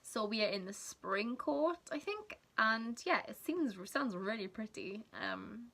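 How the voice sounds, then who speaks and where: A young Welsh woman whose first language is Welsh chats casually in a rambling vlog, dropping giggly asides. Her voice is fairly high and sing-song, with a measured pace and a bright, forceful tone, and her Welsh accent comes through clearly.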